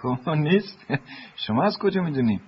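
An actor dubbing a kind, playful man who teases children warmly and laughs often. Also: a little high, big pitch swings, highs cut off, a little hiss or hum. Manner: warm teasing, laughs often. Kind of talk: film dubbing.

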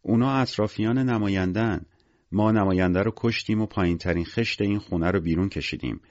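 A man's voice: on the low side, darkish tone, dry recording, highs cut off, lightly acted. A man voicing a weary, menacing gangster in an audiobook, curt and cynical in everyday speech. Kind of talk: audiobook character voice.

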